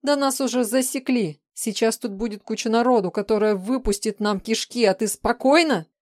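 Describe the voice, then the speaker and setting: A woman reading an audiobook, voicing a volatile, spiteful young woman who snaps and turns shrill. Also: fairly even intonation, fairly quick, warm tone, dry recording, clean studio sound, close to an everyday voice. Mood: furious. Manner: snapping, spiteful, shrill when angry. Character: volatile, vicious young woman called the shadow. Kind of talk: audiobook character voice.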